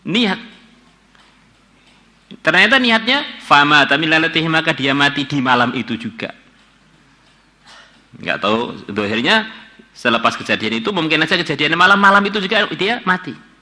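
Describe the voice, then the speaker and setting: A man's voice: fairly high pitch, expressive, a little fast, pauses often, bright, forceful tone. A man preaching a sermon, reading Arabic lines from a classical text and explaining them in plain, casual talk. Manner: reads Arabic lines aloud, then explains in casual speech with Javanese words.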